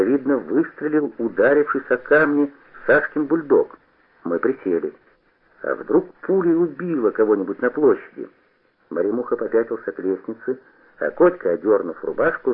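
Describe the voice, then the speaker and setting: A man reading a story aloud with expressive storytelling. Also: mid-range voice, moderate pace, husky. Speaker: reader. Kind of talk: scripted narration. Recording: tinny old radio broadcast.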